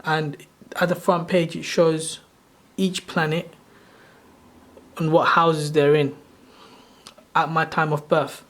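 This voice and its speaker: A man's voice: fairly high pitch, level tone, slow pace, pauses often, fairly bright tone. Rambling man in his thirties explaining. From Sri Lanka. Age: 30s. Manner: loose, rambling explanation with self-corrections. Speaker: channel host. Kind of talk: casual screen-share tutorial.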